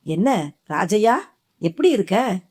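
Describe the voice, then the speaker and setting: A woman voicing a young woman possessed by a vengeful mother's spirit, speaking low and grimly in an audiobook. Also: animated, slow, warm tone, husky. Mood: cold.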